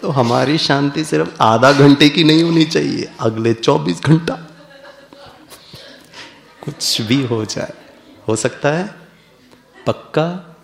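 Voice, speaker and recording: Gravelly, playful man giving a spiritual talk. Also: fairly high pitch, takes it slowly, pauses often. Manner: playful, coaxing, leads the audience through exercises. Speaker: spiritual speaker. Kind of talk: humorous spiritual lecture to an audience.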